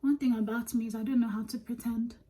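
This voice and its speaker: A woman's voice: a little high, fast. Chatty Nigerian-accented young woman. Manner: candid, animated, laughs often, drops into whispers. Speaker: beauty vlogger. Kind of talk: chatty get-ready-with-me storytelling.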